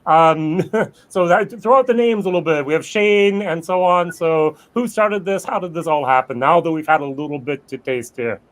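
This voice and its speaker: High-pitched man hosting casually. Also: moderate pace. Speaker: host. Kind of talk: casual interviewing.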